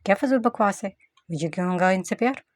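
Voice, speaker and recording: Audiobook: a woman reading a hot-tempered young wife and agent, sharp-tongued, dry close sound. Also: medium pitch, lively intonation, fast talker, no echo, lightly acted. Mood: soft.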